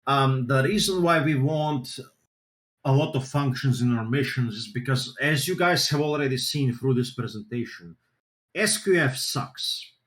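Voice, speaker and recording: A man's voice: mid-range voice, measured pace, a bit bright. A man running a seminar over a group voice chat connection. He explains in a loose, rambling way, packed with "you know" and restarts. His mid-range voice comes through with a roomy echo. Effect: group voice chat audio. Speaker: seminar presenter.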